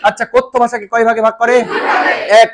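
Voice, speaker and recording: A Bangladeshi man teaching a nursing coaching class, firing loud grammar questions at students and often laughing as they answer. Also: extremely high pitch, little pitch movement, fairly quick. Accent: Bangladeshi Bengali. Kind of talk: call-and-response grammar quiz class. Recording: noisy classroom recording with student crowd. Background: students answering in chorus.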